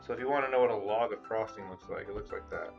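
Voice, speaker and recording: A man's voice: on the low side, fast, gravelly, lo-fi sound, over music. A man vlogging casually at home, rambling and swearing while he talks to viewers as he works with food. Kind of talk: casual vlog commentary while cooking. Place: home room with cat hair around.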